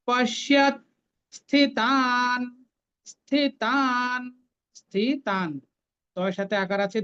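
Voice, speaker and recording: A woman teaching a scripture recitation class, chanting each verse slowly and then explaining how to pronounce it. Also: mid-range voice, darkish tone, lo-fi sound.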